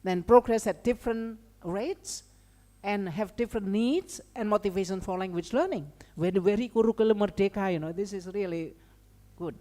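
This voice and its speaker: This seminar speaker and language educator, a woman with an Indonesian accent, talks at medium pitch and a moderate pace in a dark tone. Her academic lecture is conversational, with informal asides and regular "okay" and "right" tags. The sound has a long hall reverb.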